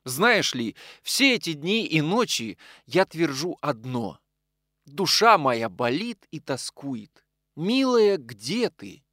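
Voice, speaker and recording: A man's voice: a little high, very animated, takes it slowly, sharp tone, no echo, studio quality, voice pushed up, full character voice. A man reading a story aloud, voicing a weary young man in prison who speaks in a sad, brooding way. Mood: sorrowful.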